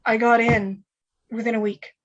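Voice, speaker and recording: A woman guest telling a personal story in an interview, animated, often repeating herself and acting out what others said. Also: fairly high pitch, normal speed, dull audio. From Canada. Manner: animated, repeats herself, acts out quoted voices.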